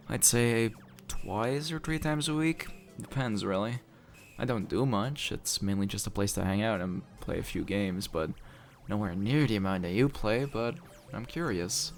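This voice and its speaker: A young adult man puts on a deep voice to play a teasing young guy in an intimate audio roleplay. His casual, conversational acting comes across playful, halting, and mock-polite.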